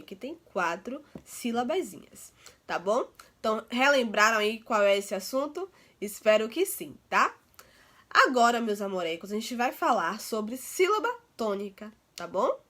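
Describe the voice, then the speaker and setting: Bright, chatty Brazilian teacher woman. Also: on the high side. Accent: Brazilian Portuguese. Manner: affectionate, tags nearly every phrase with "né" and "tá"; slows to stretch out words and syllables. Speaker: primary school teacher. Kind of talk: recorded Portuguese grammar lesson for children.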